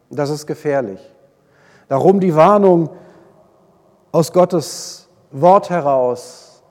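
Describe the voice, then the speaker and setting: A man preaching a sermon, retelling a Bible story with lively swings between loud and hushed delivery. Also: a little high. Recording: long hall reverb.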